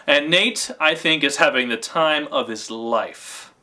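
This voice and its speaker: A man's voice: fairly high pitch, a little slow. A young man playing an eager, goofy filmmaker, chatting to the camera behind the scenes of a comedy shoot. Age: young adult. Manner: eager, goofy, excitable director. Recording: noisy amateur camera audio.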